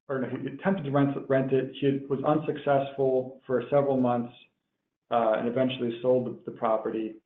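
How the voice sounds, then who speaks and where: A tax professional presents an explanatory webinar lecture in a mid-range male voice. The line is tinny and phone-like, with a roomy echo.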